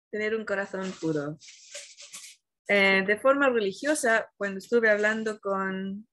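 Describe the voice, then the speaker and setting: A woman spiritual teacher with a mid-range voice gives a reflective, conversational talk. Retelling a story animatedly, she frequently gropes for the right word.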